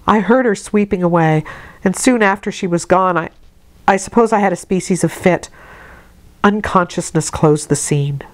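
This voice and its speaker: A woman narrating a classic novel in a measured, expressive reading. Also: fairly low pitch. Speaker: audiobook reader. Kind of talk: scripted narration.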